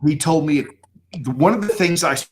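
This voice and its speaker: A man's voice: a little high, lively intonation, normal speed. A man with a slightly slurry West Texas twang, chatting casually and effusively as host of a livestream.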